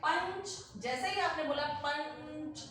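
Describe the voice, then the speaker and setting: A woman teacher explaining a grammar lesson slowly, repeating example words aloud to demonstrate. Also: sits high, a bit bright, a little hiss or hum. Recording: very echoey room, heard from a distance.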